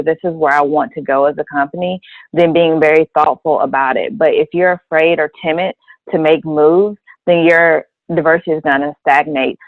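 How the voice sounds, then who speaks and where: A dry, narrow, phone-like recording of a woman on a discussion panel. She lays out her opinions deliberately and articulately, in a conversational style. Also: low-pitched, no echo. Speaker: panel guest.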